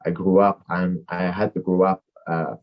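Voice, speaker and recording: A man's voice: deep voice, little pitch movement, moderate pace, muffled recording. A man in his twenties, raised in Finland and a native Finnish speaker, giving rambling, filler-heavy answers as a fighter in an interview. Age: 20s. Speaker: MMA fighter guest.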